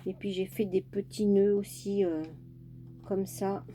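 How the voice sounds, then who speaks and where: A woman's voice: mid-range voice, level tone, measured pace, dark tone, slight background noise. A woman chatting casually through a crafting tutorial at her home craft table, homely and talkative, with many fillers. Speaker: craft vlogger.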